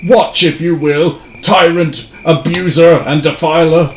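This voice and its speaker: A man's voice: fairly high pitch, steady tone, unhurried. A man voicing an indignant, sanctimonious priest in a hammy, pompous, declamatory manner at a tabletop game. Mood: defiant. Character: indignant, sanctimonious priest pleading with his captors. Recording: very noisy, echoey room tabletop recording.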